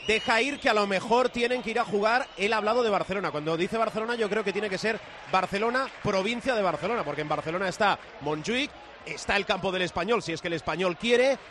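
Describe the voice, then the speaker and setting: A man's voice: high voice, fast talker, a bit bright, slight background noise. A man with a Spanish accent from Spain giving live football radio reports as a match reporter.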